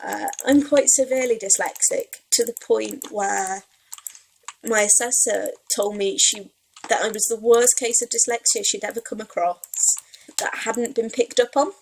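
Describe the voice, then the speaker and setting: A young let's play gamer from Wales speaks with a creaky voice on the high side, at a moderate pace with fairly even intonation. Her Welsh accent has some Yorkshire in it, and she rambles self-deprecatingly over her gameplay. The audio is poor, with slight background noise.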